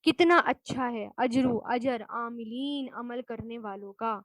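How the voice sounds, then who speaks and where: A woman's voice: on the high side, no room sound, rough recording. A woman Quran teacher, giving a word-by-word lesson and glossing each recited Arabic word.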